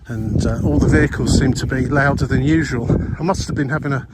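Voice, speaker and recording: A man's voice: mid-range voice, fairly even intonation, a little fast. Older man rambling on a windy coastal walk. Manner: rambling, chatty, many fillers and restarts. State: slightly breathless from walking. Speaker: walking vlogger. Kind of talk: casual walking commentary. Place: outdoors on a clifftop coastal path. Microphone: body-worn mic while walking. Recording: loud outdoor wind and traffic noise. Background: outdoor ambience and passing vehicles.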